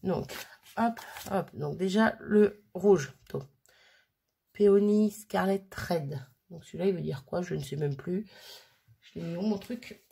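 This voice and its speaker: A woman's voice: on the low side, measured pace, creaky, mellow, husky. A woman chatting casually through a hands-on craft demo, full of fillers and little "hop" sounds as she works. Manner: chatty, filler-heavy, frequent "hop" while working. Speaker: crafting vlogger.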